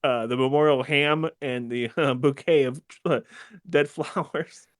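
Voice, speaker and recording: A man co-hosting a podcast, trading dark deadpan jokes with his guests. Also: medium pitch, measured pace, dry recording, studio quality. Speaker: podcast co-host. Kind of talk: casual group podcast banter.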